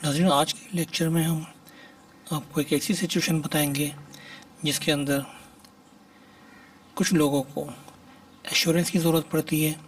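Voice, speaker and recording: A man teaching English expressions in a lecture, reading each phrase slowly and then explaining it. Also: on the high side, little pitch movement, breathy edge, distant mic.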